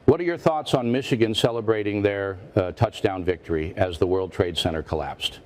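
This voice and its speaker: A man's voice: lowish voice, fairly quick, a little mellow, natural voice. A man playing a parody news anchor, a stiff, formal, indignant interviewer who presses and repeats himself. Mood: indignant, pressing. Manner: stiff, formal, repetitive, confrontational.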